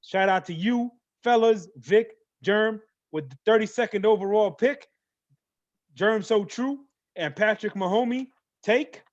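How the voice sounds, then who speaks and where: Sports show host, high-pitched man, playful and hyped, dry dull lo-fi sound. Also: unhurried, dry recording. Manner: animated, playful, hype. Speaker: host of a mock draft show. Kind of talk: casual sports talk.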